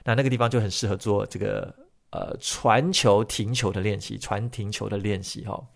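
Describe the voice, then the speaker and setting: Male podcast host, slightly low and gravelly, chatty storyteller. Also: steady tone. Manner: chatty, ends phrases with drawn-out particles.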